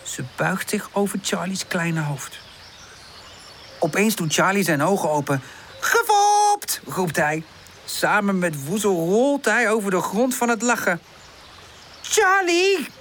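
Woman narrator for a kids' audiobook; slow, expressive, gentle. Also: medium pitch, slight background noise. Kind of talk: scripted children's storybook narration.

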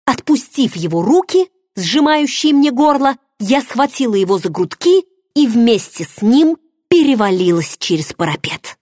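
A woman narrating a first-person audiobook in an expressive, dramatic way, recorded close to the mic. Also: fairly high pitch, normal speed, no echo.

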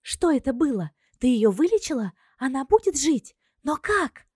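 A woman voicing a loud, excitable young female friend in an audiobook, with a ringing, shrill voice. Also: moderate pace, slightly rough, dry recording, studio quality, heavily acted. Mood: curious.

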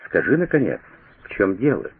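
An aging president, urgent and commanding, firing off insistent questions, as a man reading the story voices him. The voice is low and husky, squeezed through a narrow radio band. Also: very animated, a little fast, no room sound, exaggerated voice. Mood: agitated. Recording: tinny radio broadcast.

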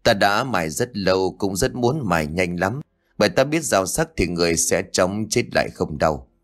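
A murderous old witch-woman, as a deep-voiced male narrator puts her on, cold and threatening, her words swinging widely in pitch. She coaxes with false sweetness and curses with hatred in a dark audiobook tale. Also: lively intonation, moderate pace. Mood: gloating. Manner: menacing, cajoling then wrathful. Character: cruel old female sorcerer, murderous and cold. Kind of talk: audiobook character voice.

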